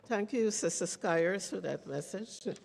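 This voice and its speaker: A woman leading a church service, making announcements in a measured way. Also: mid-range voice, lively intonation, creaky, a little mellow, long reverb tail, a little hiss or hum. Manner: slow, measured delivery. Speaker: worship leader. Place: church sanctuary.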